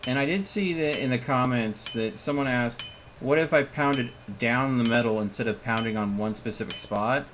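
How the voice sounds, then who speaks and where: Against a clearly noisy background, a game streamer with a mid-range voice talks at a moderate pace, muttering casual remarks to himself while playing.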